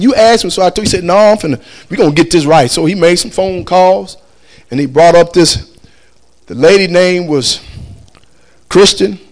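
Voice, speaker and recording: A man telling a story casually, acting out the people he quotes and laughing as he goes. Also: high voice. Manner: animated, acts out quoted voices, laughs often.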